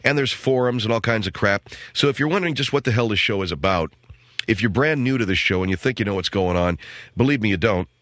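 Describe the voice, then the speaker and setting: An American radio talk show host with a lowish, fairly bright voice talks quickly, rambling in a wry, grumbling, sardonic way. He's in a radio studio on a close studio microphone, with no room sound.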